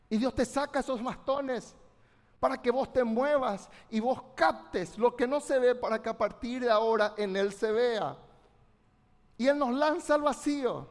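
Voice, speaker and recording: A man with an unusually high voice preaches with fervor, turning again and again to his congregation for a response. His words trail into the long reverb of a big hall. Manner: fervent, addresses congregation, asks for responses. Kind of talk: sermon.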